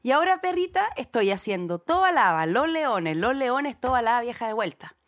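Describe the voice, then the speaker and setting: A woman in her thirties with a Chilean accent, co-hosting a casual comedy chat and telling stories in an expressive, giggly way. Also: fairly high pitch, moderate pace. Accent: Chilean Spanish. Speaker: podcast co-host.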